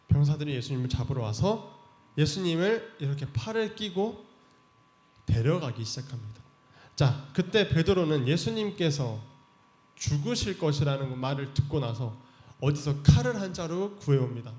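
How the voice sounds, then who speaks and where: A man, a youth pastor, telling a Bible story to teenagers in a chatty, animated way and acting out the characters. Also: on the high side. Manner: animated retelling that acts out the characters' voices, chatty. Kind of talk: storytelling sermon for teens. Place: church. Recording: echoey church room.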